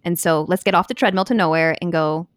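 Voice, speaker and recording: A woman's voice: quick pace, dry recording. Woman podcast cohost, casual chat, acts out little quotes, dry sound. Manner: animated, acts out quotes in a high voice. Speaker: podcast co-host.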